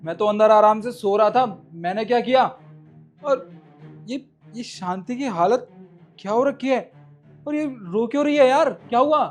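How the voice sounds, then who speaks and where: A man's voice: very high-pitched, moderate pace, soft background music. A man playing a wronged husband who protests and pleads to be believed. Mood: pleading.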